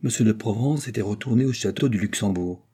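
A male audiobook narrator who reads in a measured, even way. His voice sits low and sounds dark and mellow. It has a husky edge. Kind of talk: scripted narration.

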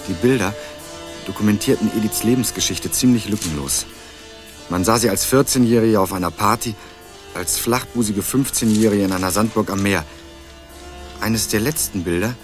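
A young man with a lowish, natural voice narrates a radio crime drama in the first person, laconic and dry in hard-boiled fashion. He plays a sardonic type searching for his missing cousin, with music running beneath the radio play.

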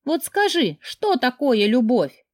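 A woman's voice: sits high, very animated, slow, darkish tone, dry recording, studio quality, pitched above the performer's own voice, heavily acted. A woman putting on a drunk, giggly young woman. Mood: bitter. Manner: slurring, giggly, dismissive. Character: drunk, tearful young woman, flippant and bitter.

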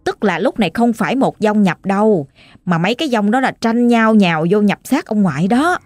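A woman's voice: mid-range voice, fairly quick, dry recording, faint music behind. Southern Vietnamese woman telling a ghost story. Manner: lively, exclaiming with many folksy interjections. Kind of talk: retelling a family ghost story.

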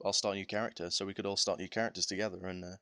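Chill young dude on a gaming podcast, lowish voice, dry close sound, jokes around. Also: male voice, steady tone, racing, pushed and bright, clean tone, no echo. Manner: jokey, laid-back, chuckles. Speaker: podcast co-host. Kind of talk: casual gaming chat.

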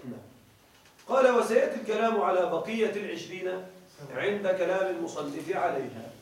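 A man's voice: high voice, fairly quick. A man teaching a grammar lesson in a lecture room. He reads a passage aloud, explains it, and keeps asking his listeners whether they follow. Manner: checks often that listeners follow. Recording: very echoey room, voice from far off the mic.

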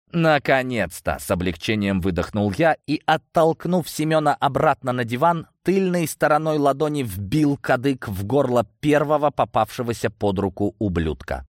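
A man narrating a first-person audiobook in an expressive, dramatic manner. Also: medium pitch, no room sound, clean studio sound.

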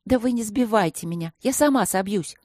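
A woman voicing a brash, tipsy young female dwarf mage who talks high, loud and excitable, slurring a little. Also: fairly quick, no room sound, studio quality, close to an everyday voice.

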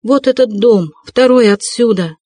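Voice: mid-range voice, unhurried, darkish tone, dry recording, pitched above the performer's own voice, natural voice. A reader voicing a desperate young woman, urgent and pleading, in an audiobook reading.

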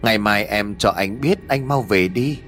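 A mysterious young woman who coaxes and evades in a storybook ghost tale, voiced by a man. The voice is low. Soft music runs behind. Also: normal speed, natural voice. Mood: coaxing.

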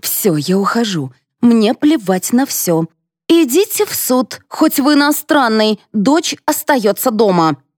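A woman voicing a shrill indignant mother. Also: very animated, slow, dry recording, studio quality, full character voice. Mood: shouting. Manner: high, sharp and shouting.

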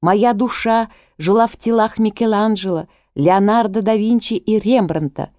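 A woman voicing a desperate woman artist who shouts urgent warnings at a crowd, in a dry recording. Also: medium pitch, moderate pace, no room sound, voice pushed up, natural voice. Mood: frantic.

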